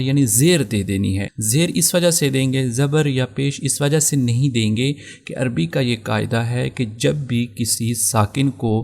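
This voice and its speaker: A man's voice: medium pitch, creaky, a little mellow. A man teaching a Quran recitation rule in a patient lesson with a Pakistani Urdu accent. He goes over each rule again and spells out his examples one by one. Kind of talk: explaining tajweed rules step by step.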